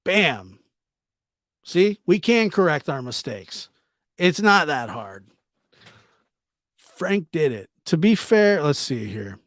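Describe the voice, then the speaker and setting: Very animated yet taking it slowly with long pauses, a livestream host with a fairly high, slightly bright voice reads and replies to viewer comments. His casual chat is informal and teasing, and he often repeats himself. The clean studio audio has no echo.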